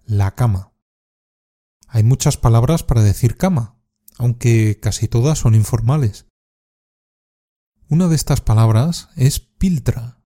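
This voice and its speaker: Slow dark-voiced guy from spain teaching slang, says each word over and over for you to repeat. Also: medium pitch. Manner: slow, careful, repeating words for practice. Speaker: Spanish teacher. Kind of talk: scripted slang lesson with repeat-after-me drills.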